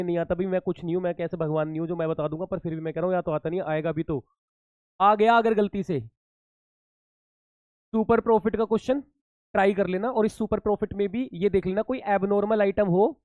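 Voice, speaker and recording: A man's voice: high-pitched, no echo. A male commerce teacher talks students through exam tips in an easy, chatty way. He keeps reassuring them and calls them beta. The sound is dry and a little dull. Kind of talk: casual exam-tips lesson.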